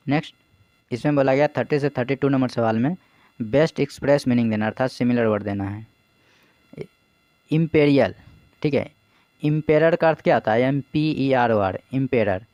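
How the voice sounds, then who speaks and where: A man's voice: medium pitch, a little mellow, dry recording. Man teaching English words in Hindi. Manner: spells words letter by letter, asks and answers own questions. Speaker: exam coaching teacher. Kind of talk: explaining English vocabulary in Hindi.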